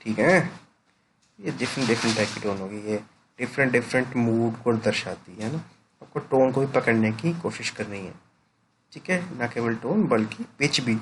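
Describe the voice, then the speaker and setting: A man's voice: medium pitch, moderate pace, slight background noise. A male teacher explaining a lesson to his students, often checking in with short "right?" tag questions. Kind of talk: classroom lecture.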